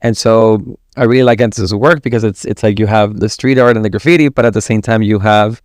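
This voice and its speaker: A man's voice: lowish voice, a little fast, clear, resonant tone, no room sound, studio quality. A man from Ecuador, a gallery director, chatting casually as a podcast guest, rambling with restarts. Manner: relaxed, rambling, with many restarts. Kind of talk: casual interview chat.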